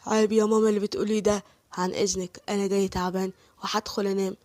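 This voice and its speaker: A woman's voice: medium pitch, flat delivery, rapid-fire, a little mellow, no echo, voice pushed down, close to an everyday voice. A woman voicing a loyal, tired young Egyptian husband who firmly defends his wife. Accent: Egyptian Arabic.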